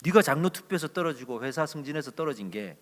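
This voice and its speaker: Jesus as told by a male pastor, calm and fatherly. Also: fairly high pitch, quick pace, big-room sound, close to an everyday voice. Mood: gentle. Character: patient, gently correcting Jesus, male.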